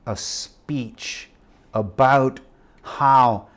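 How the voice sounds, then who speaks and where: Middle-aged man, sermon storyteller, lively and dramatic, swings from loud to hushed. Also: medium pitch, extremely slow. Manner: animated storytelling with acted quotes and shifting loudness. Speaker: missionary preacher.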